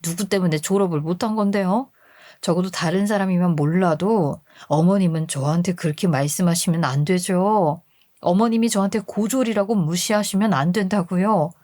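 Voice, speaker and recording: Low-voiced woman narrating a story. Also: moderate pace, warm tone, no room sound, clean studio sound. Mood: aggrieved. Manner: emotional, aggrieved telling. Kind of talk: scripted first-person story narration.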